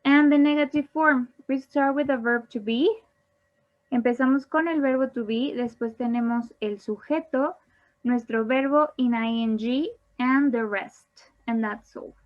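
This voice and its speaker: A woman teaches an online English grammar class, explaining each rule in English and then again in Spanish. Her voice sits high and unhurried, picked up by a computer mic with dull, lo-fi class audio.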